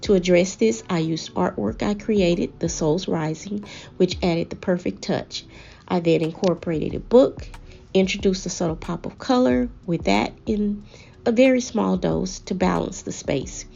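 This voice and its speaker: Female home decor vlogger, scripted narration, lowish pitch with vocal fry, measured phrasing. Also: mellow, highs cut off, slight background noise. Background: background music.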